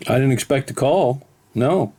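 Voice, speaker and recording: A man's voice: mid-range voice, background noise. A man baiting a phone scammer by acting confused, stammering and rambling as he asks the same question again and again. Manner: plays dumb, deliberately confused, rambling and stammering. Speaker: scam baiter posing as a retiree. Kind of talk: prank phone call.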